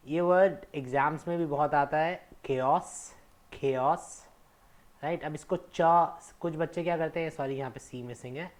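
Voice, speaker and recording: A young man teaching English pronunciation, stressing each word slowly and setting wrong forms against right ones. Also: fairly high pitch. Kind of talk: explanatory lesson mixing Hindi and English.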